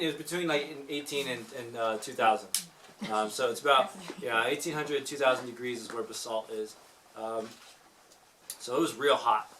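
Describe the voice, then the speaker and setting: A male cave guide talks to his group in a reverberant cave, picked up from some distance. He explains in an informal, teacherly way and checks in with questions. His medium-pitched voice rings off the rock over faint background noise. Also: sharp tone. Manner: jokey asides. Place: inside a lava tube cave.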